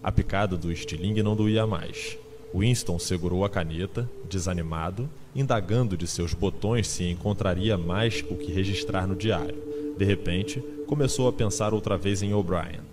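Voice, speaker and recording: Speaking at a normal speed in a low-pitched voice, a man gives a dramatized reading of a literary audiobook. The recording sits over a noisy layer of ambient sound effects.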